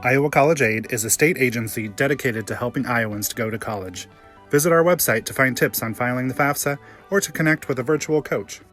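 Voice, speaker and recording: A man announcer reading a scripted informational message in a steady, informative way. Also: mid-range voice, a little fast, faint music behind.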